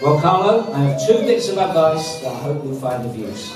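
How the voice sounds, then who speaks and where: A man's voice: on the high side, very animated, normal speed, music in the background. Middle-aged male wedding speaker, wry and jokey, very echoey distant pickup. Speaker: father of the bride giving a speech. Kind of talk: wedding toast speech. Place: large echoey wedding venue with guests. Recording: very echoey, noisy room, distant mic.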